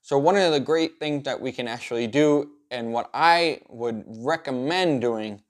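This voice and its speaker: A man's voice: medium pitch, a little slow. A man coaching viewers in an upbeat, encouraging vlog style, laying out tidy instructional points and repeating some for emphasis. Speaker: self-improvement coach presenting a video series. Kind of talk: structured advice vlog talking to viewer.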